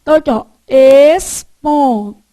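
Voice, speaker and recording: A woman's voice: high voice, a little slow, mellow. A woman teaching a grammar lesson, asking the class questions and answering them herself.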